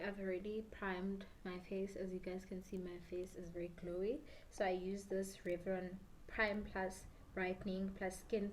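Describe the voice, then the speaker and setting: A South African woman in her twenties talks casually to camera, a little tipsy and rambling. Her voice is dark and relaxed at a medium pitch, slipping between English and Zulu. Faint noise sits behind her in a small room. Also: rough recording. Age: 20s. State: slightly tipsy. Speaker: beauty YouTuber. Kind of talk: casual chat while doing makeup. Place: small bedroom indoors.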